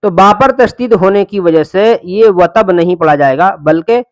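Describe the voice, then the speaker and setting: A man's voice: high voice, lively intonation, dry recording, lo-fi sound. A man teaching a Quran reading lesson, patiently explaining rules and drawing out syllables as he spells them.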